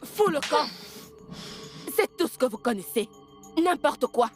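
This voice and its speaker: A haughty queen, venomous and scornful, slightly high voice, French film dub. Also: very animated, a little slow, faint music behind. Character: haughty vengeful queen, middle-aged wife.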